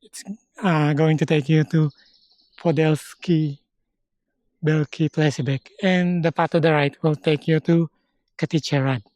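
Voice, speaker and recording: A man from the Philippines vlogging a forest hike, explaining things slowly in short halting phrases, sometimes out of breath. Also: a little high, flat delivery, a little mellow, dry recording. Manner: slow, halting, explains step by step. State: out of breath at times. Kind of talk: casual hiking vlog. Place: outdoors on a forest trail.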